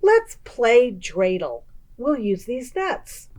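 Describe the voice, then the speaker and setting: A woman's voice: a little high, very animated, slow pace, darkish tone, pitched above the performer's own voice, full character voice. A woman voicing a kindly, chatty old woman in a children's story, exclaiming and fussing affectionately. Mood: friendly chiding.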